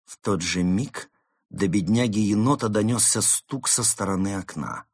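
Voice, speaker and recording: Guy reading a storybook, expressive, dry close sound, deep-ish. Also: unhurried, breathy edge, no echo. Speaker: narrator. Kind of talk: storybook narration.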